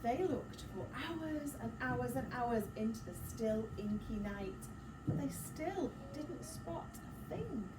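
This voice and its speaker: A woman with a fairly high voice reads a picture book aloud to children at an unhurried pace, pausing for encouraging questions and asides. Her delivery is expressive, full of dramatic gasps and encouraging prompts. The recording sounds roomy, with a distant mic and clear background noise.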